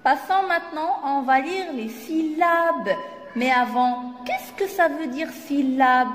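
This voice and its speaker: Slow, high-voiced Moroccan woman teaching reading. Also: reverberant, long reverb tail, soft background music. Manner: slow, clearly spelled-out teaching voice, switching into Moroccan Arabic. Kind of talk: slow beginner reading lesson.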